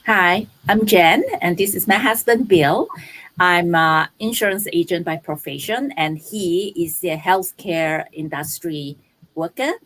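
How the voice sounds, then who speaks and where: An older woman introduces herself on an online panel, pausing and hesitating. She talks very slowly in a slightly low voice. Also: fairly bright tone, poor audio. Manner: hesitant, with fillers.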